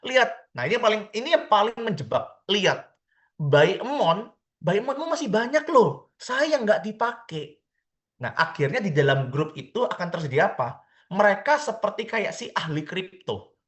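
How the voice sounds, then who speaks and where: A man giving a lively seminar talk as a crypto trading mentor, often calling out to his listeners and acting out their worried questions. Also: high-pitched, moderate pace. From Indonesia. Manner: lively, repetitive, keeps addressing listeners as friends; acts out quoted questions of traders.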